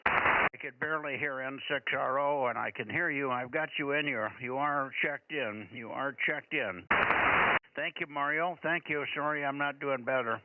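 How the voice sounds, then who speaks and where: Speaking at a moderate pace in a medium pitch, this male net operator reads callsigns and repeats procedural phrases on ham radio. The audio is crackly, noisy, narrowband shortwave, with clicks throughout.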